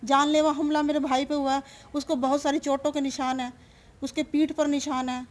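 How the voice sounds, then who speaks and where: A woman answers a news interviewer in a high voice that stays level. She is earnest and lays out events one by one. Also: flat delivery, moderate pace. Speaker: interviewee, journalist's wife.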